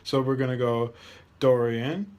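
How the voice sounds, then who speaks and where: A man teaching a guitar lesson patiently counts scale steps out loud, with guitar playing between his lines. His voice is medium-pitched and unhurried.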